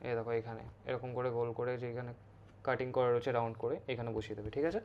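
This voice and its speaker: Reviewing a product hands-on, this Bengali-speaking motovlogger from West Bengal talks informally and instructively, mixing in English and frequently asking "okay?". He races along in a flat, mid-range voice, and the recording is muffled with slight background noise.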